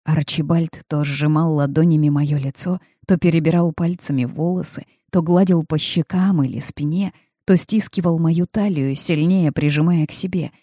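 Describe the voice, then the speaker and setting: A narrator reading a first-person novel as an audiobook in a calm, measured, soft manner. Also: mid-range voice, no room sound, studio quality.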